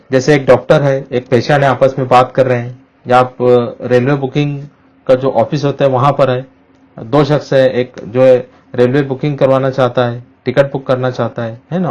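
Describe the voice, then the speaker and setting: A middle-aged male teacher talks students through a lesson, mixing English terms into his explanation. He pauses on frequent "uh" fillers and speaks at an average pitch. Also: darkish tone, rough recording.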